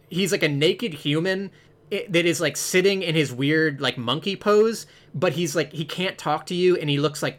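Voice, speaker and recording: A man's voice: on the high side, fairly bright tone. A man chatting casually about a video game, rambling and full of "like" fillers, with the odd swear.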